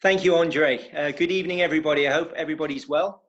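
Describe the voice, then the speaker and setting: Speaking fairly fast with a fairly high pitch and a somewhat bright tone, this man from England's West Country has a West Country accent. He hosts and interviews at a fundraising evening, sounding enthusiastic and welcoming, though the audio is dull.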